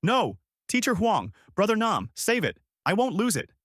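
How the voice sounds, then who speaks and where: A man voicing a determined village schoolteacher woman who shouts and pleads in a story. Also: mid-range voice, huge pitch swings, normal speed, no echo, clean studio sound. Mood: desperate shouting.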